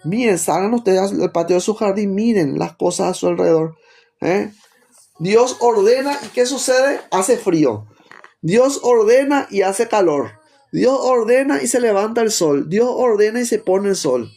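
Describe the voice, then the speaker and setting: Mellow Rioplatense preacher teaching a sermon. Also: male voice, sits high, expressive, a little slow, vocal fry. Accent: Rioplatense Spanish. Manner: didactic, asks the listeners rhetorical questions.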